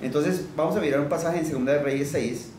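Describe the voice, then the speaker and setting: A man's voice: a little high, fairly quick, darkish tone. Man preaching in an echoey room. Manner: quizzes listeners and leads call-and-response repetition; reads scripture aloud, then explains it plainly. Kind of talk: interactive sermon teaching. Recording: roomy echo, voice from a distance, faint background noise.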